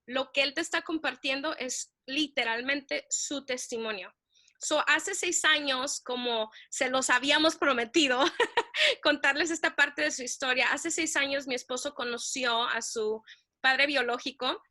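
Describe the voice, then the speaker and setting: A woman co-hosting a faith podcast, telling a story in an animated way, laughing often and slipping in English phrases. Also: sits high, measured pace, no echo, studio quality. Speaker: podcast co-host.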